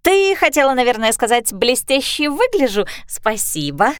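A woman reading a storybook, voicing a chatty, excitable female dragon in a high, bubbly voice. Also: moderate pace, clear, resonant tone, no room sound, studio quality. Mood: playful.

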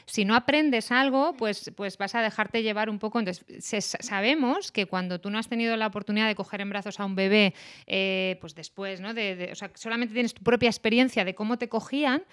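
Lady host, thoughtful, explains stuff calmly. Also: mid-range voice, brisk. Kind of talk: casual chat.

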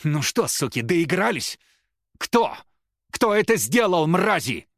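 A man voicing a violent, foul-mouthed young addict who shouts threats and curses. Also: sits high, sing-song, takes it slowly, no echo, clean studio sound, voice pushed up, full character voice. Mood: raging.

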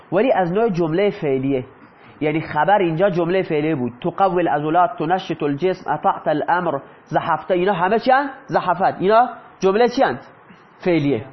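Guy teaching grammar, high voice, asks a question then answers it, kinda muffled recording. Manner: asks the class questions and answers them himself. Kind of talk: explaining lesson in Persian.

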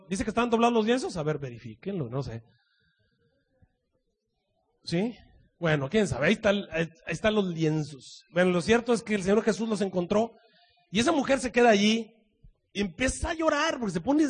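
Husky high-voiced dramatic preacher. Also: male voice. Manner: dramatic storytelling, swinging from loud proclamations to hushed asides. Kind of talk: sermon.

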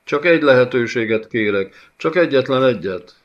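A man's voice: medium pitch, lively intonation, pitched above the performer's own voice, close to an everyday voice. A man voicing a groveling, scheming male envoy who stammers and begs, in a dull lo-fi audiobook recording. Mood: pleading. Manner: stammering, pleading, fawning.

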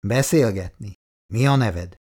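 A man's voice: on the low side, a little mellow, close to an everyday voice. A man reading the part of a cool-headed militia leader who talks to a prisoner in a dry, teasing, lecturing way. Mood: cool mocking.

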